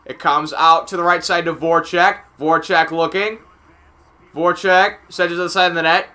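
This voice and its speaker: A man calling a hockey game casually, play by play, getting excited on big plays and chatting in asides with filler words. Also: a little high, normal speed. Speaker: amateur play-by-play commentator. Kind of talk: casual live game commentary.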